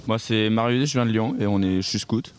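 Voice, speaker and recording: A teenage boy answering interview questions in relaxed, informal speech. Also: lowish voice, brisk, clean tone. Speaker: young guest.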